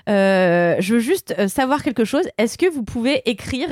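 Lively woman telling a funny story. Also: on the high side, moderate pace, dry recording, clean studio sound. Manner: animated, self-mocking anecdote telling with laughs. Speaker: podcast co-host. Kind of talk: casual group chat, storytelling.

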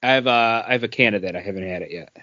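Racing along with a sharp edge to his fairly low voice, a man hosts a casual podcast chat. The audio is close and dry with no room echo, and it sounds dull and lo-fi.

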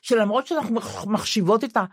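A woman's voice: on the high side, slightly rough, no room sound, clean studio sound. A woman co-hosting a casual chat, telling frank, self-mocking stories. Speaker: co-host.

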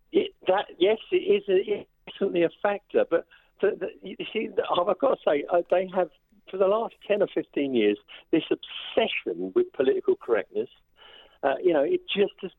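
An older man calling a phone-in, opinionated and emphatic, halting and repeating his phrases. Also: high voice, sing-song, gravelly. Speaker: radio phone-in caller, retired police officer. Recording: tinny phone line.

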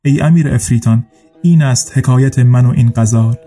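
A man reading old classical tales aloud in a slow, measured, formal storytelling manner. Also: mid-range voice, music in the background. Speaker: narrator.

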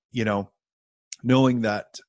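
Fairly low and creaky, with a darkish tone, this man's voice carries a casual, joking podcast conversation where he co-hosts and uses some salty language. There's no echo in the recording.

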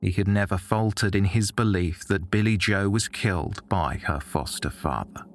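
Low-voiced man narrating true crime. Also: moderate pace. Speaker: documentary narrator.

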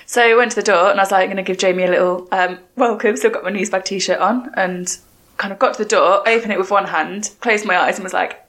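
Young female podcast co-host from Burton-on-Trent, mid-pitched, lively storyteller, laughs often. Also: fast. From Burton-on-Trent, England. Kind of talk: casual chat.

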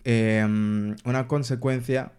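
A man's voice: mid-range voice, fairly even intonation, takes it slowly, darkish tone, clean tone. A man in a casual podcast discussion who talks emphatically and repeats words when he agrees. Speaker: podcast co-host.

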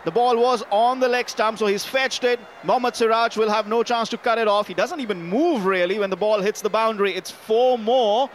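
A man's voice: high-pitched, brisk, few pauses, slight background noise. A man working as a cricket commentator, calling the action live ball by ball.

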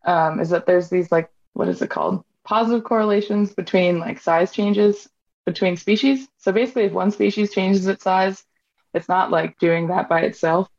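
In dull, lo-fi audio, a Hawaiian PhD student in her twenties talks about her research in a relaxed interview, chatty and full of "like" fillers. She has a mid-range, darkish voice at normal speed.

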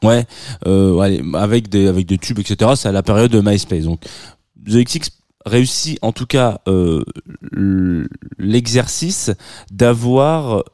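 A man's voice: on the low side, measured pace, dark tone, dry recording, studio quality. A man in his thirties with a French accent, hosting a casual radio music show, rambling and hesitant with many filler sounds and restarts. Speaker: radio host.

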